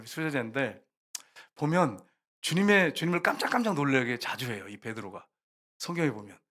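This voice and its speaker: With a mid-range, fairly bright voice, a male pastor delivers a sermon built around a vividly told story. He acts out characters' voices and rooster crows, and he often turns to address the congregation directly.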